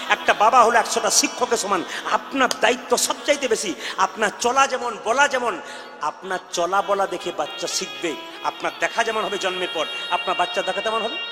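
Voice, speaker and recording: A man delivers a devotional sermon in a high, ringing voice, pleading and then rising into shouts as he exhorts the crowd. His voice carries a long hall reverb. Music plays clearly underneath him. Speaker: kirtan preacher.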